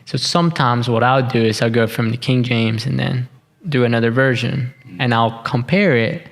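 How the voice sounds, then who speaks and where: Young guy hosting a podcast, mid pitch, gravelly, stumbles and repeats words a lot. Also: fairly even intonation. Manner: halting, repeats words, self-questioning. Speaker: podcast host. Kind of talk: casual interview chat.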